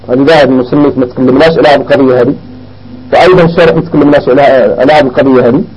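A man with a Moroccan accent leads a grammar lesson. His voice sits high and a little husky. He explains step by step and keeps asking the class questions before answering them himself. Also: a little mellow, poor audio. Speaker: teacher.

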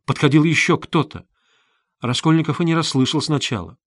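A man reading a classic novel aloud as audiobook narrator, measured and expressive, on a close microphone. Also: fairly high pitch, no echo. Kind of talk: scripted narration.

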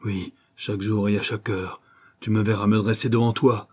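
A man's voice: fairly low pitch, flat delivery, normal speed, a little mellow, slightly rough. A man voicing an old, embittered ex-convict vagabond who speaks with bitter, vehement accusation. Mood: bitter accusing.

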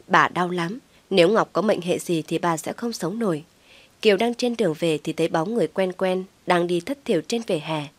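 A woman narrating a family drama story aloud, voicing all the characters herself with louder, more emotional quoted lines. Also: fairly low pitch, brisk, no echo. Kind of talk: scripted story reading with voiced dialogue.

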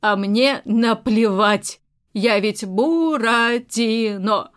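A woman reading the part of a weary, bitter rich man who talks slowly and heavily. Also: a little high, natural voice.

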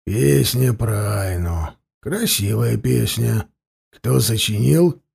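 A man playing a grim warrior interrogating a captive, his voice low-keyed, quiet and even, each word slow and deliberate. A gravelly, dark edge makes the calm feel threatening in this audiobook story. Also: heavily acted. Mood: cold.

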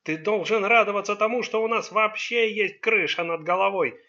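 Proud, quick-tempered father, stern and commanding, read by a man; storybook. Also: on the high side, bright, forceful tone, highs cut off, heavily acted. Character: stern immigrant father, proud, easily angered.

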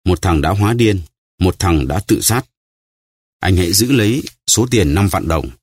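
Brief: man doing a grave, commanding nobleman, very deep and dry. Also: animated, moderate pace, husky, no echo. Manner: solemn, grave. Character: stern vengeful nobleman, solemn and commanding.

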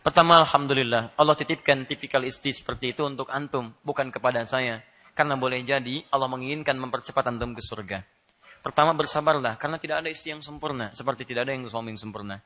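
Male preacher, bright tone, animated, jokey, addresses the crowd directly. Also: medium pitch, fast talker. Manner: animated, joking with the audience, rising to loud laughing emphasis. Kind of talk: Islamic sermon.

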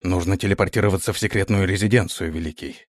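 A man's voice: sits low, fairly even intonation, quick pace, no echo, studio quality. A man voicing a formal, rule-bound palace guard officer who speaks steadily. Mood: dutiful, formal. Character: dutiful, stiff male palace guard officer.

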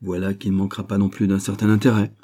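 A man voicing an effusive, flattering middle-aged male bank sub-director in an audiobook reading. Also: fairly low pitch, fast talker, natural voice. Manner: gushing, emphatic, flattering.

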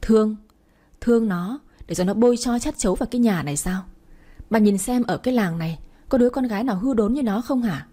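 A woman voicing an enraged father in his seventies who shouts harsh, scolding words at his daughter in a storybook. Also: fairly high pitch, brisk, lightly acted. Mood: furious.

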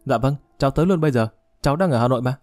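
A man voicing a polite, quick-witted young man who is eager to please. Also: mid-range voice, a little mellow, no echo, faint music behind, close to an everyday voice.

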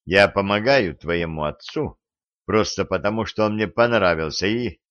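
A man voicing a patient, seasoned monster hunter in an audiobook, calm and restrained with a sarcastic edge. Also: low-pitched, normal speed, no echo. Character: patient seasoned adult male monster hunter, dry wit. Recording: dull lo-fi recording.

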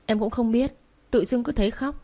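A woman's voice: on the high side, fairly quick, mellow, voice pushed up, natural voice. A woman voicing a timid young female receptionist in an audiobook, hesitant and apologetic.

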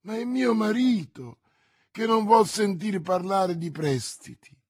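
A man's voice: high-pitched, slow pace, breathy edge, no echo, studio quality, voice pushed up, heavily acted. A man voicing a lovesick, stingy lawyer's wife who speaks in a plaintive, pleading way.

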